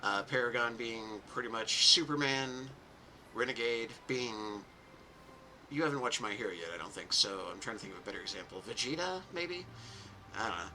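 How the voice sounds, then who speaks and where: Bright, rambling male game streamer. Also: mid-range voice, animated, moderate pace, a little hiss or hum, low-quality recording. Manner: rambling, self-mocking, casual. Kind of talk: gameplay commentary.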